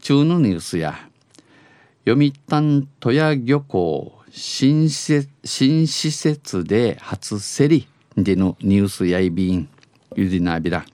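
A man's voice: lowish voice, big pitch swings, slow pace, dark tone, dry recording. A man with an Okinawan accent reading news phrase by phrase, alternating standard Japanese with Okinawan dialect and often restating lines. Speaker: news reader on a dialect news segment.

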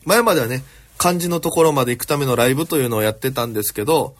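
A man's voice: mid-range voice, animated, racing. A male comedian hosting his own podcast, telling a rambling story alone with plenty of fillers, recorded at home. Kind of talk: solo storytelling chat.

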